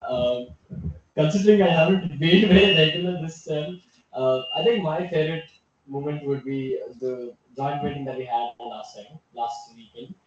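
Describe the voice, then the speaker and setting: A man's voice: on the high side, moderate pace, muffled recording, a little hiss or hum. Hesitant man, far off in an echoey room. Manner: hesitant, many fillers. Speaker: club member. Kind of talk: casual chat.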